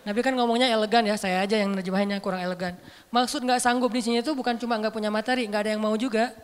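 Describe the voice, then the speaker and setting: Seorang ustadz pria berceramah dengan gaya santai dan penuh canda, nadanya agak tinggi dan ekspresif. Suaranya bergema panjang seperti di aula. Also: male voice, high-pitched, rapid-fire, smooth. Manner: animated, joking, conversational. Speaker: Islamic preacher. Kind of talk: casual religious talk. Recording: roomy hall with long reverb.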